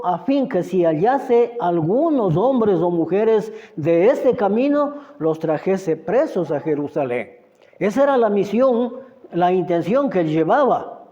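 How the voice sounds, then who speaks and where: A man's voice: sits high, warm tone. A man preaching a Bible study sermon, reading verses and reflecting on them, often asking "¿no?". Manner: slow, reflective, asks "¿no?" often. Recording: muffled sound with long reverb.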